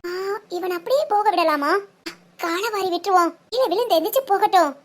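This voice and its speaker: A voice actress doing a very high teasing village girl. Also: animated, fairly quick, fairly bright tone. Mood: playful scheming. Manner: teasing, chatty. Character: playful teasing young village woman. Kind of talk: Tamil cartoon voice acting.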